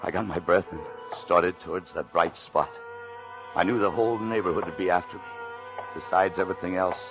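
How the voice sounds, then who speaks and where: In a remastered 1940s radio thriller with music behind it, an actor with a low voice plays a desperate, wounded man on the run, narrating and speaking dialogue briskly. His hard-boiled delivery is intense, pained and weary, and the recording quality is low.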